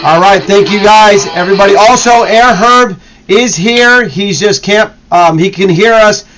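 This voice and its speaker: A man's voice: high voice, unhurried, a bit bright, soft background music, low-quality recording. A man hosting a live stream, chatting casually and explaining details at length. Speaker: stream host.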